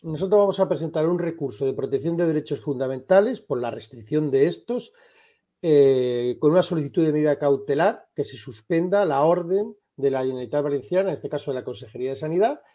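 A man, a lawyer for an association, answers interview questions in a firm, emphatic, insistent way with a husky voice. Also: a little high, animated, fairly quick, muffled recording. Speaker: lawyer for a civil rights association.

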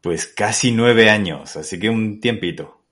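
A man from Spain, a guest consultant on a podcast, explaining his work in a relaxed, thoughtful way. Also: on the low side, a little slow. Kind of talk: podcast interview.

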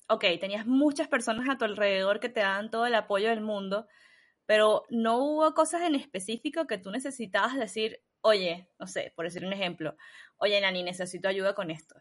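Woman host with a higher voice. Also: fairly bright tone. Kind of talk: interview questions.

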